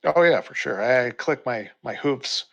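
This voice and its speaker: A man playing a tabletop game, joking and slipping into a mock-heroic tone for his hero. His voice sits at an ordinary, middle pitch. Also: animated, unhurried, creaky, a bit bright, dull audio. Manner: playful and laughing, mock-heroic in character. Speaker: player. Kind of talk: casual tabletop play, partly in character.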